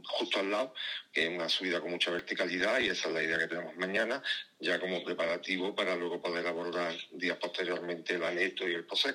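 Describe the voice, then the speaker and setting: A man's voice: low voice, bright, forceful tone, slightly rough. A man taking part in a mountaineering project, talking in a phone-in interview with frequent fillers and restarts. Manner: hesitant, many restarts and fillers. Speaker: mountaineer on expedition.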